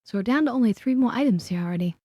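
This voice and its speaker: A woman's voice: on the high side, animated, rapid-fire, warm tone, husky. A woman game streamer chatting casually while she plays.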